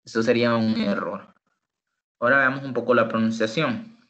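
A man tutoring English online, slowly explaining and drilling example phrases. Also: medium pitch, steady tone, a bit bright. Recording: dull lo-fi online call audio.

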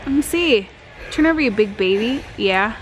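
A woman's voice: fairly high pitch, lively intonation, normal speed, poor audio. A woman chatting casually and teasingly, giggly as she talks from behind a camera. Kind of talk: casual chat. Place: large indoor skatepark.

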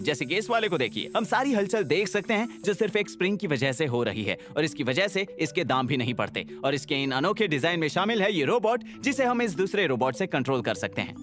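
Guy narrating a build video, high voice, pitch all over the place, upbeat explainer vibe. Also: fairly bright tone. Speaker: engineer vlogger. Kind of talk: dubbed scripted narration.

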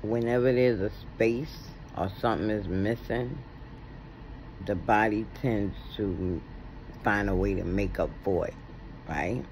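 A middle-aged American man chatting casually to a phone camera with halting, toothless speech. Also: on the low side, a little hiss or hum, rough recording. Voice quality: toothless, soft-edged articulation. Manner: halting, with long pauses. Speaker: video blogger. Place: indoors at home, reclining. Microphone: phone at arm's length.

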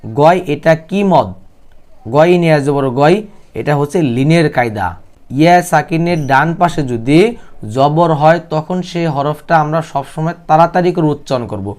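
Male Quran tutor with a Bangladeshi Bengali accent, smooth clear voice pitched a bit high, drawn-out recitation. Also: a little mellow. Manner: alternates quick explanations with slow stretched chanted syllables. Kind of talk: spelling-out Quran lesson with slow drawn-out recitation.

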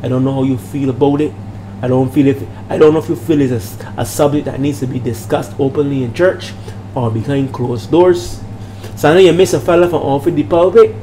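An older minister with a Bajan accent hosts his vlog at a brisk pace in a medium-pitched voice, casual yet emphatic and preachy. He repeats phrases, checks in with listeners, and records indoors in a small home room with a steady hum in the background.

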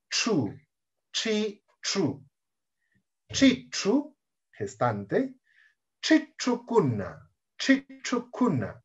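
A man giving a language lesson, slowly drilling words and syllables one by one. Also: fairly high pitch, darkish tone. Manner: slow, careful syllable-by-syllable pronunciation drills. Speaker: teacher. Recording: dull lo-fi recording.

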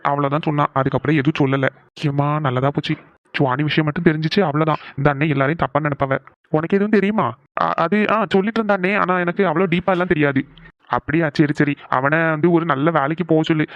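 A man's voice: a little high, dry recording, lightly acted. A man voicing a chatty village man gossiping about family. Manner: casual gossiping, rural Tamil speech. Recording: dry, dull lo-fi sound.

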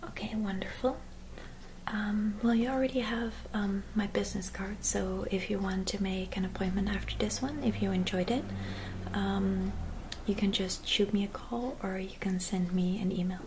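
A woman in her twenties doing a whispered role-play as a spa attendant, speaking softly and gently in an attentive, whispery voice. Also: mid-range voice, fairly even intonation, moderate pace, slight background noise. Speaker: ASMR performer playing a spa clinic receptionist and therapist. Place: small dim room at home.

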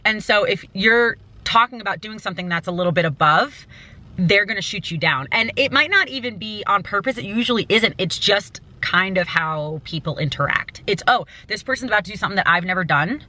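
Bright-voiced young woman, motivational vlog. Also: medium pitch, a little fast. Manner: animated, gestures a lot, mimics doubting voices. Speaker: travel vlogger. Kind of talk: motivational talk to camera. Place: inside a parked car. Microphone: small camera's built-in mic at arm's length.

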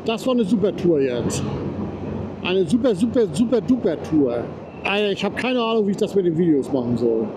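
On a mountain road, a motorcycle vlogger chats eagerly into his helmet mic, addressing viewers and sometimes himself. He has a high, sing-song voice at normal speed. The background is noisy.

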